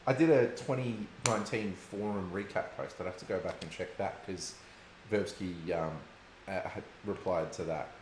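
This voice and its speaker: A man hosting a casual chat, easygoing and quick to laugh. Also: deep voice. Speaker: host. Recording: echoey room, faint background noise.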